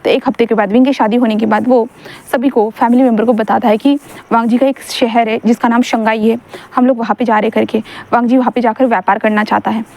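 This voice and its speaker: A young woman casually retelling a story she wrote, chatty and rambling, often stopping to correct herself. Her voice sits a little high and has a soft, mellow tone. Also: steady tone, brisk.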